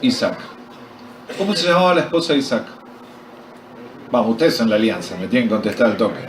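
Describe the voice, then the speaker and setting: A pastor with an Argentine Spanish accent preaches a sermon at a men's retreat, quizzing his audience and joking as he tells the story. His medium-pitched voice is very animated and a little fast. Recorded from far off in an echoey retreat meeting hall, there's slight background noise.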